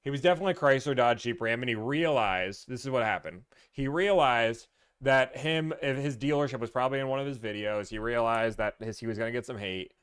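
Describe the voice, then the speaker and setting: Live-stream host, man, smooth clear voice, mid pitch, rambling and teasing. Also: brisk, fairly bright tone. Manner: rambling, teasing, reads and answers chat comments. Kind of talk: casual live-stream chat.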